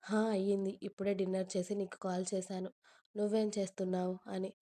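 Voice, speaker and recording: A woman's voice: mid-range voice, flat delivery, quick pace, mellow, natural voice. A woman voicing a young man, an affectionate boyfriend who teases and coaxes his girlfriend in a storybook reading. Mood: tender. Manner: teasing, coaxing.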